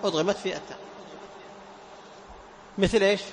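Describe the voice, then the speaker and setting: A man teaching Quran recitation. He quizzes his students, repeats key words, and chants verse examples slowly. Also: sits high, fairly even intonation, slight background noise. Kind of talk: lesson.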